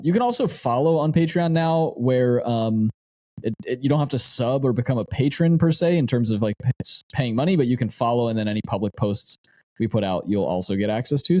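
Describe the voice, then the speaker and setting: A man's voice: medium pitch, fast, a little mellow. Easygoing man hosting a podcast. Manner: easygoing, earnest, many "um" fillers. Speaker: podcast co-host. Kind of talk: casual podcast chat and outro.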